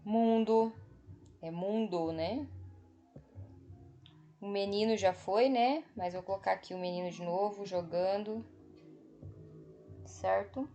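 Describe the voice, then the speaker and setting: A Brazilian woman teacher giving a slow, patient online spelling lesson for children, repeating each word and checking in with the class as she marks them on screen. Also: mid-range voice, mellow. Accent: Brazilian Portuguese.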